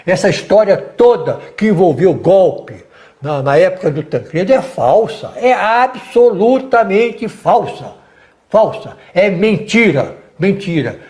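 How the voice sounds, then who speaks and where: Older Brazilian man, retired general, TV interviewee; high-pitched, very animated delivery, emphatic and repetitive. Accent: Brazilian Portuguese. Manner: emphatic, animated, repeats words for stress, acts out quotes. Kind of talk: TV interview, storytelling.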